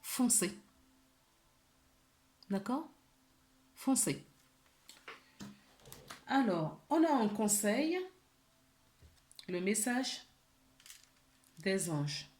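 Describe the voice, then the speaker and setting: A woman doing a weekly spiritual card reading, gently encouraging her viewers and repeating key words for emphasis. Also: mid-range voice, sing-song, drawn-out words, long pauses, echoey room. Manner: gentle and encouraging, often asks for agreement. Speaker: tarot and oracle card reader.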